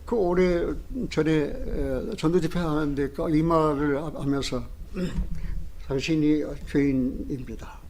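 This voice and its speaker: A man preaching a sermon as pastor, moving from quiet, low retelling and pleading prayers to loud exhortation, with rhetorical questions. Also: unhurried, slight background noise.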